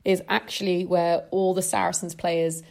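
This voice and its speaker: A woman's voice: fairly low pitch, little pitch movement, normal speed, creaky, darkish tone. A woman hosting a podcast, introducing guests in a chatty, upbeat way with fillers. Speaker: podcast host. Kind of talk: casual podcast interview.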